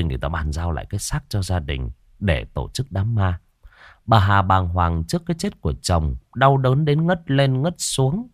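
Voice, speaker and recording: A man narrating a horror story in a dramatic, expressive way. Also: fairly low pitch, no room sound, clean studio sound.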